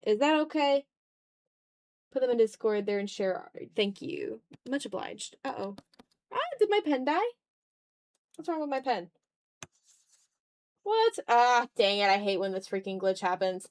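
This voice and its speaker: A woman streamer with a medium-pitched, lively voice chats casually on her art livestream while drawing. She speaks unhurriedly, with long pauses, and often mutters to herself as she works.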